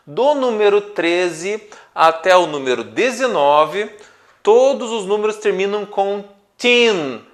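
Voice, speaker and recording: Man, teacher, higher voice, slow steady delivery, patient, stressed example words, Portuguese-speaking. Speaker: English teacher. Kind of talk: explaining English pronunciation to viewers.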